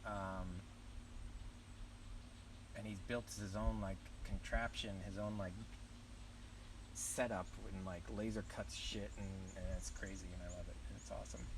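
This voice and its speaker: A man's voice: low voice, measured pace, pauses often, recorded from a distance, noisy background. A young man with a Southern US accent, chatting loosely while streaming live, rambling and swearing casually. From southern United States. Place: outdoors at a campground.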